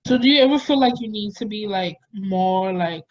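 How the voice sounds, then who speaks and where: A woman's voice: mid-range voice, moderate pace. A woman chatting casually in a loose, rambling way, as if interviewing a friend. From Caribbean, lived in Jamaica. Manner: rambling, peppered with "like". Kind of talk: casual chat. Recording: dull lo-fi sound, noisy background.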